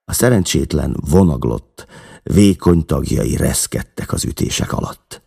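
A male narrator with a deep, gravelly voice performs an audiobook reading. His storytelling is dramatic and expressive.

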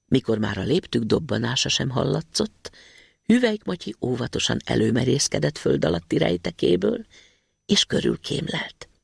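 Man, fairy-tale narrator, animated pitch, husky voice, dry recording. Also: no room sound. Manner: expressive, lively fairy-tale telling. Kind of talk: storybook reading.

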